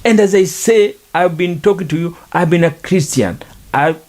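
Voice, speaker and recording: A middle-aged man from Rwanda gives a reflective podcast monologue on faith and culture, in an earnest, preaching style that circles back on itself. His voice sits high and a little mellow, at a normal speed.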